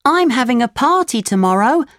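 A woman voicing an eager, impulsive wooden puppet boy in a shrill, excited voice. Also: normal speed, no echo, studio quality.

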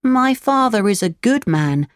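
A woman voicing a naughty young wooden puppet boy who tells fibs, in a high, pleading, childlike voice. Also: very animated, unhurried, no room sound, studio quality. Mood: earnest.

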